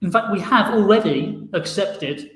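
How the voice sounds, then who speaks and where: An upbeat man hosts an improv livestream, laughing between words. His fairly high voice comes over a video call in an echoey room with faint noise behind. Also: measured pace, a bit bright. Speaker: improv show host. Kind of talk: livestream hosting.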